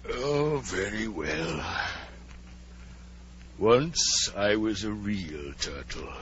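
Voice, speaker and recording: A man playing a melancholy, nostalgic old turtle creature in a 1940s radio drama, with earnest, drawn-out pomposity. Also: lowish voice, lively intonation, a bit bright, slight background noise, heavily acted. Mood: mournful nostalgia. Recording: dull, lo-fi 1940s radio recording.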